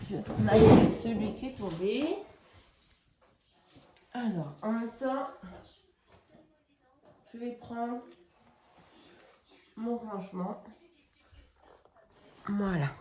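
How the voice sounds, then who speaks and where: At home, a woman runs through a crafting haul for her vlog, speaking casually and without hurry, often rambling, self-correcting, and using fillers. Her mid-range voice leans dark, and there's slight hiss or hum in the background.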